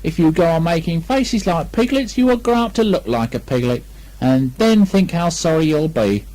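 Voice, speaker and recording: A man doing Kanga, brisk motherly kangaroo. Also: a little high, expressive, warm tone, voice pushed up, close to an everyday voice, poor audio. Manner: cheerful, firm, soothing. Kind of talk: storybook reading.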